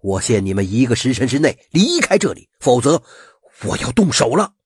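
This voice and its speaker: A man voicing a stern middle-aged male snake-taming master in a folk story, gruff and commanding, in a husky voice. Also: on the low side, big pitch swings, measured pace, a little mellow, no room sound, clean studio sound, voice pushed down, full character voice.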